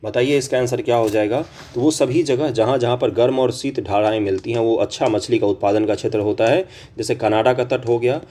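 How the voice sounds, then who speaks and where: Male exam-prep tutor, mid-pitched voice, walks through answers, poses questions to himself and answers. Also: fairly even intonation, fairly quick, hardly any pauses, dark tone. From India. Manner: explanatory, asks questions and answers them himself. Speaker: exam coaching teacher. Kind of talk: reading and explaining quiz questions.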